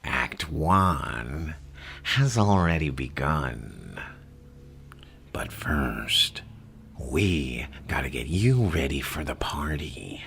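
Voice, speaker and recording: An actor playing a theatrical, menacing madman crime boss in an ASMR roleplay, mocking and drawn-out, often slipping into a whisper. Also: rumbling low, very animated, fairly bright tone, slight background noise, exaggerated voice. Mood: bitter, menacing. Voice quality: gravelly.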